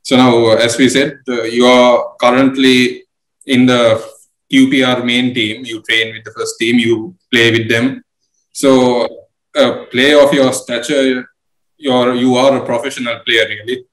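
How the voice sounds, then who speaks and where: A young man interviewing a guest over a video call, asking halting questions with many fillers. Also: medium pitch, level tone, fairly bright tone. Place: room with bookshelves indoors. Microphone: video call webcam. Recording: roomy webcam audio.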